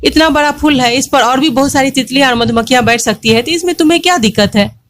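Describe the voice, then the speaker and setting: A woman voicing a patient, hardworking female honeybee in a storybook tale, calmly reasoning. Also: sits high, fast, close to an everyday voice. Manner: calm, reasoning, polite.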